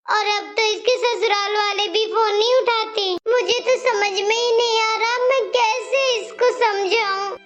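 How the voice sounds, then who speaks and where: A woman's voice: very high-pitched, fairly even intonation, a little slow, few pauses, highs cut off, soft background music. A woman voicing a kindly, worried middle-aged mother in a cartoon story. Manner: gentle, regretful, pleading.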